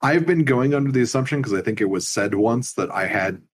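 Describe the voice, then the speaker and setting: Player, mid pitch, hesitant, stammering restarts, casual. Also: animated, a little fast, breathy edge. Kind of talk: casual chat in a tabletop game.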